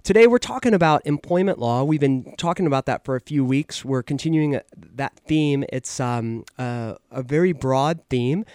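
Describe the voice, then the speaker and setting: A man's voice: mid-range voice, expressive, moderate pace, few pauses, darkish tone, clean tone, no echo. A man hosting a legal advice radio show, explaining things on a close studio mic.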